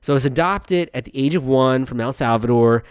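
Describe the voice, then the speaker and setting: A man's voice: medium pitch, a little fast, clear, resonant tone, no room sound. A young American man hosting a podcast, talking in a friendly, chatty way with frequent restarts. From United States. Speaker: podcast host. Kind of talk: casual podcast monologue.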